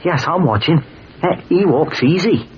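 An actor playing a hungry, down-and-out drifter who talks wryly and chattily. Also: male voice, fairly high pitch, expressive, moderate pace, lightly acted. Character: hungry, down-and-out male drifter, eager and wry. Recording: dull old radio recording with crowd noise.

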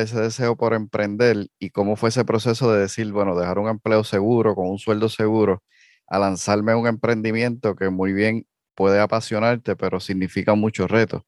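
A man's voice: lowish voice, a little mellow, no room sound, clean studio sound. A man hosting a podcast, affirming his guest and summarizing before asking his next question. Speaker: podcast host. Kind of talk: interview questions.

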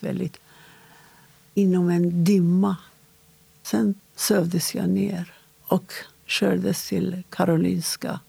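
A woman with a deeply gravelly, fry-laden voice and a husky edge, recounting a personal story for an interviewer. She speaks in a halting, measured way, with short pauses between phrases. The sound is close and dry. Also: dark tone, dry recording.

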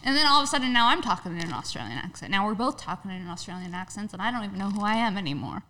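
Young woman podcast co-host, bright and animated, crude joker, laughs a lot. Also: mid-range voice, rapid-fire. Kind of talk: casual chat.

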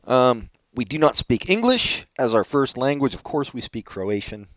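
A lively-voiced, sarcastic man from California co-hosts a show, reading out questions from online in casual comedic banter. He talks at a moderate pace, landing deadpan jokes punctuated by sudden jumps in pitch. The recording is dry, with dull, muffled lo-fi audio.

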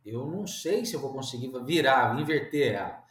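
A man's voice: mid-range voice, expressive, normal speed, fairly bright tone, roomy sound. A man, a winegrower guest talking casually, plainspoken and repeating words as he thinks. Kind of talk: casual interview chat.

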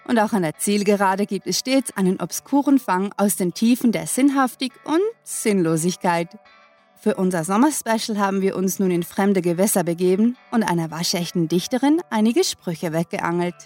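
A woman's voice: mid-range voice, normal speed, darkish tone. A woman hosting a podcast, reading a playful scripted announcement full of sailing wordplay. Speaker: podcast host. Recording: faint music behind.

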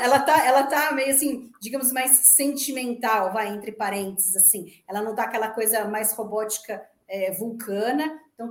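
Animated woman in a roomy echo. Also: a little high. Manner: animated, acts out quoted lines. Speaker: podcast co-host. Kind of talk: casual chat.

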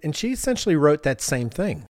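A man in his fifties hosts a podcast, leading a conversational discussion and reading out responses. His voice is a little high, very animated, and fairly quick, recorded without echo.

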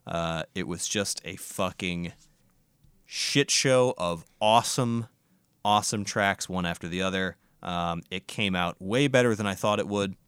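A man's voice: low-pitched, a little slow, a bit bright, smooth, no echo, studio quality. A man hosting a casual music podcast, reviewing records in an enthusiastic, profane, rambling way.

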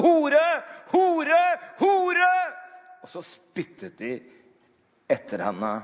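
A man preaching in a dramatic storytelling style, slowing down and dropping low for emphasis. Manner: slows down and drops low for emphasis. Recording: dull sound in a long-echo hall.

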